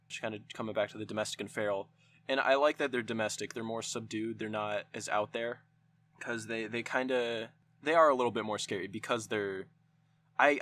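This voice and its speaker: A man's voice: medium pitch, fairly bright tone. A young man hosting a podcast, reviewing a film in a casual, rambling way with lots of swearing and restarts. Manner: rambling, profane, frequent restarts. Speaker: podcast host.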